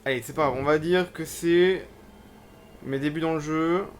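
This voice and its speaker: A man commenting casually on his own gameplay, thinking aloud and reading tutorial text out loud. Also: a little high, steady tone, normal speed, slight background noise. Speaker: let's play gamer.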